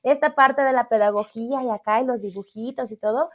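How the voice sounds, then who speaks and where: Woman, math teacher guest, high voice, chatty and self-mocking, slightly muffled audio. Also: fairly quick. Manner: chatty, self-deprecating, animated storytelling. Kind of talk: casual interview chat.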